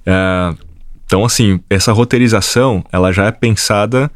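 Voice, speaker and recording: A man from Brazil hosting a podcast, asking relaxed, affirming questions. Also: fairly low pitch, normal speed, no room sound, clean studio sound. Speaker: podcast host. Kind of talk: interview questions, casual.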